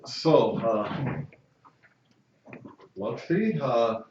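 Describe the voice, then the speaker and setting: A man's voice: medium pitch, sing-song, very slow, background noise. A man interviewing a guest, hesitant, repeating words and using many fillers. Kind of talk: interview questions. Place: university building. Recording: distant, echoey and muffled.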